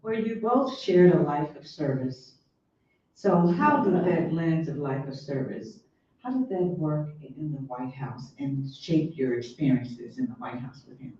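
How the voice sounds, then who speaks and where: A woman interviewer puts a question to the speaker in a measured way, her voice fading at the ends of phrases. Her tone is dark and mellow. She sounds far from the mic in a very echoey room, with a dull lo-fi quality. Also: low-pitched, lively intonation.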